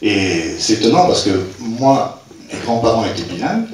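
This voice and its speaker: An older Breton man with a lowish, sing-song voice speaks at normal speed to a live audience at a local fête, where crowd noise fills the background. As president of a rural club, he talks informally, hesitating, restarting often and chuckling at his own jokes. The echoey community hall recording catches him from far off.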